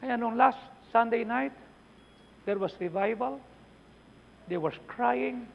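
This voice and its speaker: Middle-aged Filipino pastor, high gravelly voice, chatty sermon, muffled recording. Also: male voice, takes it slowly. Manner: mixes Tagalog and English, chatty asides to the congregation. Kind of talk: conversational sermon. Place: church hall. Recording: dull reverberant church hall recording.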